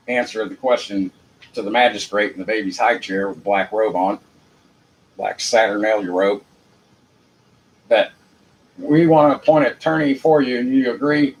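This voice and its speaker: A man's voice: mid-range voice, low-quality recording. A man with a Southern US accent giving an informal, rambling monologue in a folksy, unpolished manner, repeating phrases for emphasis. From Jacksonville, United States. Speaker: amateur legal commentator. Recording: noticeable background noise.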